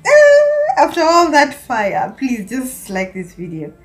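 A Kenyan-accented lifestyle vlogger in her twenties chats playfully to a handheld phone or camera held at arm's length, mixing English with Swahili. Her high voice swings widely in pitch and she talks slowly. She's in a small tiled studio apartment, with faint music in the background.

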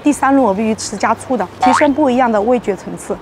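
A woman's voice: on the high side, quick pace, over music. A young woman chatting casually and playfully to camera as she eats at an outdoor street-side table, often exclaiming. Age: young adult. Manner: playful, exclamatory, talks while eating. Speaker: food vlogger and host. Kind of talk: casual mukbang chat to camera.

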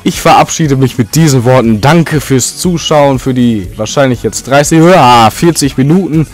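A man's voice: mid-range voice, normal speed, soft background music. A young man giving casual, rambling commentary over his own gameplay, with sudden jumpy outbursts. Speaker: let's play commentator.

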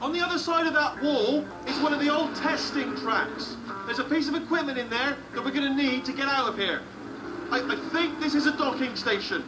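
A man's voice: very high voice, a little fast. An actor playing a nervous, rambling male robot sidekick in a video game. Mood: anxious. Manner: rambling, anxious, reassuring. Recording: game audio from a TV, roomy and distant with music.

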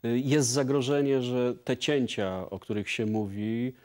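Male TV interviewer, mid-pitched, conversational and probing questions. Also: steady tone, measured pace, darkish tone. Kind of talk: political interview. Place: TV studio.

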